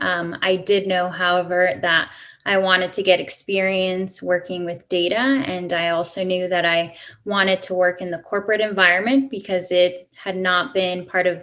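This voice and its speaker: A woman from Colombia, a guest in an interview, answering casually and warmly with frequent ums. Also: on the low side. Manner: friendly, chatty, many "um"s.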